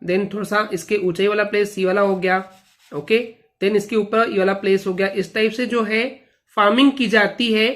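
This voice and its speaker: A man's voice: high voice, a bit bright. Patient male teacher explaining a lesson. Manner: patient, repeats "okay" and "students" often.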